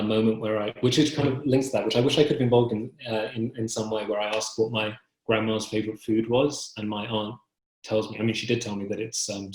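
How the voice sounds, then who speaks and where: Over a video call, a young man being interviewed as a poet speaks reflectively, hesitating and correcting himself often. His voice is lowish and a little mellow. He sits in a book-lined room at home, and the computer mic gives a roomy, echoing sound.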